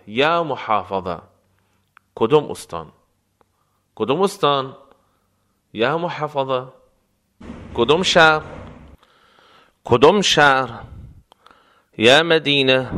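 Man teaching phrases by slow repetition. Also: medium pitch, pushed and bright. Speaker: language teacher. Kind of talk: spoken phrase lesson with repetition.

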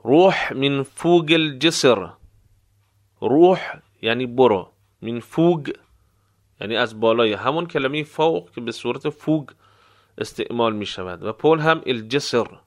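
A man teaching Arabic phrases to Persian speakers, repeating each word slowly and explaining how to pronounce it. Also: mid-range voice, lively intonation. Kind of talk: language lesson with slow repetition.

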